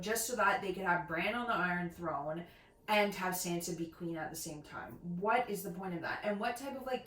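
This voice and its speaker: A woman's voice: on the low side, a little hiss or hum. A woman ranting casually and without a filter, exasperated and given to emphatic exaggeration. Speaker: guest giving opinions on a TV series. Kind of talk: casual rant. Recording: echoey, roomy home recording.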